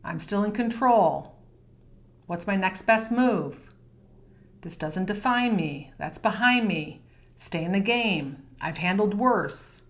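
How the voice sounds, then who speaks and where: Calm woman coaching golf mindset. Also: medium pitch, takes it slowly. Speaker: golf mental-game coach. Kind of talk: course lesson.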